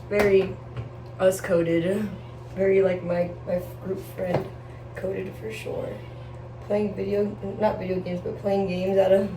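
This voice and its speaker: In a casual indoor get-ready-with-me chat, a young lifestyle vlogger rambles to camera using slangy, girly language. Her voice sits at a medium pitch with a dark tone, and the recording sounds roomy and distant with some faint background noise.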